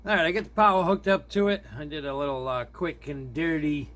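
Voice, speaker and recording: A man reviewing a gadget gives a casual hands-on demo, thinking aloud informally and chuckling often. His voice is a little high and a bit bright, and he talks a little fast. The indoor recording is clearly noisy with background sound.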